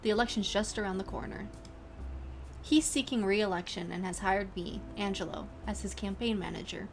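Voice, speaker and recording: A woman voicing a smug, scheming male campaign manager in a game, talking low, soft and self-assured. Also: moderate pace, vocal fry, slight background noise, lightly acted.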